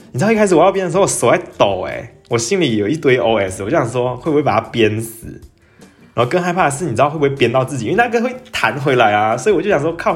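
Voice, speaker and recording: A young man, telling a personal story in a casual, animated podcast monologue and dropping English phrases into his talk. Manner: animated, jumps up in pitch when excited, mixes in English phrases. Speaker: podcast host.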